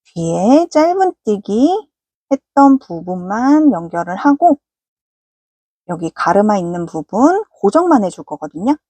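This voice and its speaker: A woman's voice: mid-range voice, dark tone, breathy edge, dry recording. Patient woman teaching crochet. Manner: polite, patient and instructive. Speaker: crochet instructor. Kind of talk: step-by-step crafting tutorial.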